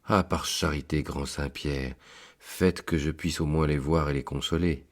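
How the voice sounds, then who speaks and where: A man's voice: a bass voice, steady tone, a little slow. A man voicing an anxious village priest, pleading and exclaiming in dismay.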